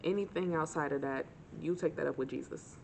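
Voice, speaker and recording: A young woman with a lowish, gravelly voice, chatting straight to camera. She tells her stories with sarcastic, animated flair. A faint hiss sits under the recording. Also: a little fast. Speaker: vlogger. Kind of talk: casual storytime chat.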